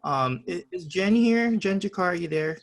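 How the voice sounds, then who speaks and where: A man's voice: high voice, expressive, moderate pace. A middle-aged man moderating an alumni panel on a video call, upbeat and prompting others with questions.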